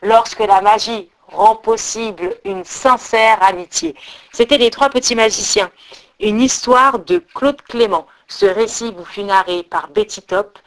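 Woman storyteller, children's tale, sing-song reading, lively fairly high voice. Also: a little slow, creaky, hardly any pauses.

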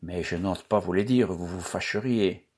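A man reading aloud, voicing a shy, earnest young charcoal burner who speaks softly. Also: low-pitched, moderate pace. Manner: soft, earnest.

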